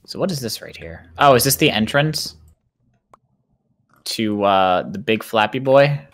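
Excitable young man gaming with his brother. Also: fairly low pitch. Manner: excitable, laughs often, talks fast in bursts. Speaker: gaming channel host. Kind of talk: casual Minecraft let's play chat.

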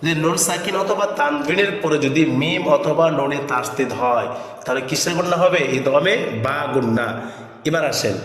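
A man with a fairly high voice teaches Quran recitation step by step, spelling out each letter and then chanting the words slowly and in a drawn-out, sung way. He is heard from some way off the mic, and a long echo rings around him as in a large hall. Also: fairly bright tone, far from the mic. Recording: echoey hall, voice from afar.

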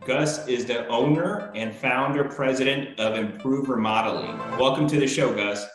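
Upbeat host in an echoey room. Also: male voice, mid-range voice, moderate pace, faint music behind. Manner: upbeat and polite, asks leading questions. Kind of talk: interview hosting over video call. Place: small room with bare walls.

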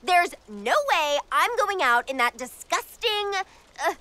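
A woman's voice: high-pitched, animated, unhurried, bright, forceful tone, full character voice. A woman playing a haughty, dramatic young fashion-doll diva in a cartoon, imperious and disdainful. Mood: indignant.

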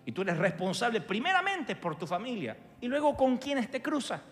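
A man with an Argentine accent preaching a sermon in a large church hall, animated and humorous. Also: extremely high pitch, moderate pace. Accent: Argentine Spanish. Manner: animated, humorous storytelling with acted voices. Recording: echoey hall with long reverb.

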